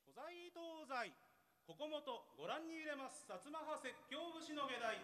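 High, bright ceremonial stage caller. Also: male voice. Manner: drawn-out, declamatory, formal. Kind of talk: traditional ceremonial stage call. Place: theatre stage. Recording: long hall reverb.

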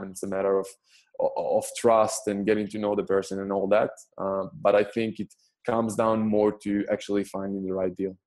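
A business investor from Israel, a man in his thirties whose first language isn't English, answers casually as a podcast guest. His voice is low, warm and rounded, and he speaks unhurriedly, often halting, restarting and stammering repeated words while reaching for non-native phrasing.

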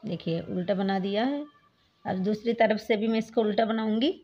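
A woman hosting a step-by-step knitting tutorial, calmly explaining each stitch and often addressing her viewers as friends. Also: medium pitch, moderate pace, dull audio. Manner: patient, repeats "look, friends" while demonstrating. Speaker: craft tutorial host.

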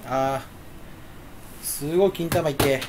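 A man's voice: fairly high pitch, slow, noisy background. A YouTuber chatting on his own in a casual, playful, rambling way, with a stuffy nose and a habit of slipping into silly voices. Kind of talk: casual solo chat.

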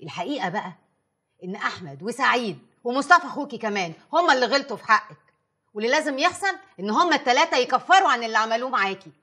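A coaxing confidante speaks quickly and low in volume with a husky tone and an Egyptian Arabic accent. Persuasive, in a television drama. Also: female voice, animated, bright, forceful tone, full character voice.

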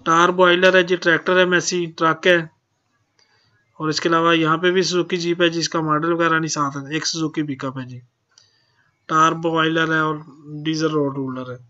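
A man's voice: fairly high pitch, level tone, moderate pace, sharp tone, lo-fi sound. A man hosting his own channel, plainly reading out auction notices and tacking a polite "ji" onto most sentences. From Pakistan. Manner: plain, repeats "ji" often. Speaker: channel host.

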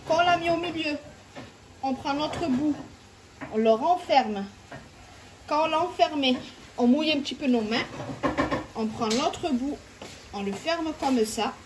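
A woman with a high voice speaks a little slowly, with long pauses, as she chats directly to viewers through a step-by-step home cooking video. The kitchen background is noisy.

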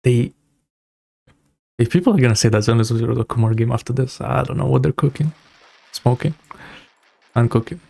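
A young adult man streams live reactions in a casual, slang-heavy way, speaking close to a broadcast mic on a boom arm in a small room at home. His voice is medium in pitch and warm, with vocal fry, a normal pace and frequent pauses. The recording is dry, and music from the video he's watching plays behind him.

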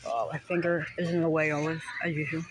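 A woman with a low voice and little pitch movement talks fast while browsing a large indoor store aisle, narrating a toy shopping vlog in short, off-the-cuff fragments. She holds her phone behind the camera, and store music plays in the background noise.

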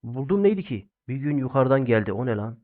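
A young man doing loud, exclamatory let's-play commentary while playing an online game, swinging between shouts and low muttering. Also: sing-song, quick pace. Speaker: gaming YouTuber. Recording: phone-like narrow band.

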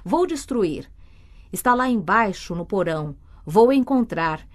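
Woman voicing a raspy monster-father, threatening, broken phrasing, audiobook. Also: mid-range voice, lively intonation, a little slow, natural voice. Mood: menacing. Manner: threatening, faltering. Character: raspy possessed father, a menacing thing.

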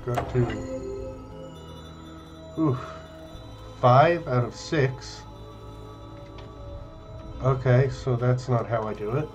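Slow-talking deadpan young male gamer. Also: mid-range voice. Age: young adult. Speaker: video game streamer. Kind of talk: casual let's play commentary. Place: small room indoors. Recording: band-limited, dull webcam-setup audio. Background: faint game music.

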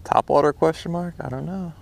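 A young American man, a fishing vlogger, chats casually and informally to camera outdoors by a windy pond. His voice has a fairly high pitch and vocal fry, and he talks fairly quickly in an easygoing way.

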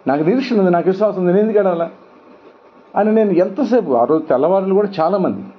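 A man's voice: high voice, animated, quick pace. Middle-aged man preaching emphatically, lo-fi. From India. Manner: emphatic preaching, rhetorical questions, acts out quoted voices. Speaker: pastor. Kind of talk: sermon. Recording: dull lo-fi sound with faint noise.

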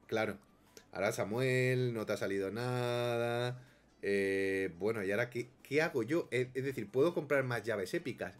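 A man with a Spain Spanish accent commentating his own gameplay, swinging his pitch widely as he grumbles about his luck in a theatrical, self-mocking way. Faint game music plays behind him. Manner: melodramatic, self-mocking complaining. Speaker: gaming YouTuber.

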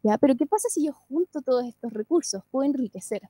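A woman, a singing teacher and speech therapist, giving an online lecture in a clear, explanatory way and often checking that listeners follow. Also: high voice, expressive, fast, warm tone, no room sound, clean studio sound.

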